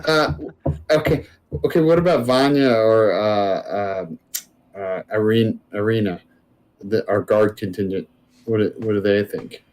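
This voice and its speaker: A man's voice: on the low side, unhurried, a little mellow. A man playing a tabletop game, thinking aloud as he works out a plan with the group. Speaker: player.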